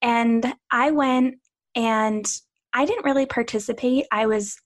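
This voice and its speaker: A woman from Pennsylvania telling her story as a podcast guest in a casual interview, thoughtful and halting at times. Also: a little high. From Pennsylvania, USA.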